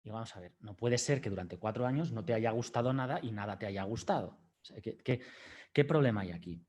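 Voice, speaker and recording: A man's voice: fairly low pitch, fairly quick, a little mellow, a little hiss or hum. A man giving a university lecture, reflective and acting out his talks with a student as he tells the story. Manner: reflective, acts out dialogue with a student.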